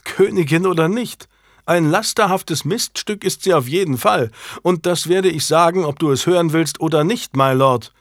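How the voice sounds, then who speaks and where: A man voicing a sharp-tongued noblewoman, a wronged wife who turns scornful and biting, in an audiobook. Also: mid-range voice, expressive, normal speed, husky, dry recording, clean studio sound. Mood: furious. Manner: scornful, biting, rising to shouted accusations. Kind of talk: audiobook character reading.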